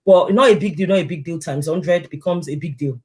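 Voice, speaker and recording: A woman's voice: lowish voice, brisk, darkish tone. A woman speaking as a guest in an informal interview. She tells her experiences with animation, acting out quoted conversations in the voices of the people involved. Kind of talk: casual interview chat.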